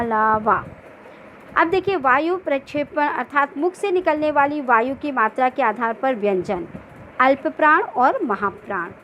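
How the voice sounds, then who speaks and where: High-voiced woman teaching a grammar lesson. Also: slight background noise, poor audio. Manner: asks questions then answers them herself; repeats key points slowly and drags out example words. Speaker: school teacher.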